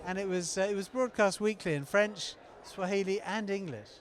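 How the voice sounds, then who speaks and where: A man, an event organizer and former TV producer, chatting on a live stream in a loose, rambling way with many pauses. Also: high voice, slight background noise. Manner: rambling, many fillers and restarts. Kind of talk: casual live stream chat.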